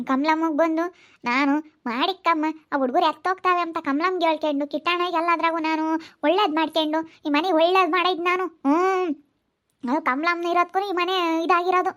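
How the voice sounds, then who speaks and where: A woman playing a quarrelsome village wife in a comedy-drama, scolding quickly and combatively. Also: extremely high pitch, steady tone, a bit bright. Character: sharp-tongued village wife, quarrelsome and loud.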